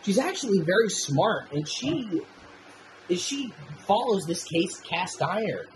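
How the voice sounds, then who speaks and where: Gushing about a movie, this man reviews it casually and without a script, dropping swear words freely. His voice is sing-song and slow with wide pitch swings, and there's a faint noise humming behind him.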